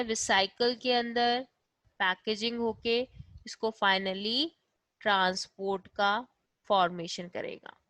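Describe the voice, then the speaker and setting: Female teacher, fairly high voice, dry close sound, steady question-and-answer lecture style mixing English terms in. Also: dry recording, rough recording. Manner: keeps asking and answering her own questions; checks in with "okay" after each point. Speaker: biology teacher. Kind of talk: class lecture.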